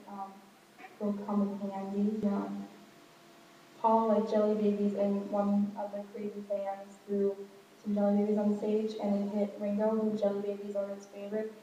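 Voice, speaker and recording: A young college woman rambles on casually to her friends, filling her talk with ums and likes, in a mellow, soft tone. Her voice booms around a big echoing dorm hallway, heard from some distance off. The sound is dull and lo-fi, with a faint hum underneath. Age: young adult. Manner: chatty and rambling, many fillers. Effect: heavy echo from a big hall. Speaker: college student vlogger. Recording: booming hall echo, far from the mic, dull.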